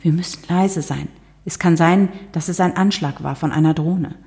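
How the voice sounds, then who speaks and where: A woman reading the lines of a tense male reporter who urges quiet, in a plain voice. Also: lowish voice, normal speed, close to an everyday voice. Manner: hushed and urgent. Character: tense male reporter hiding under attack.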